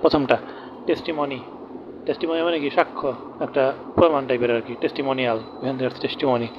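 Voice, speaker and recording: A man's voice: medium pitch, fairly even intonation, quick pace, highs cut off, noisy background. A man teaching English vocabulary, repeating words and asking rhetorical questions as memory tricks. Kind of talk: vocabulary lesson.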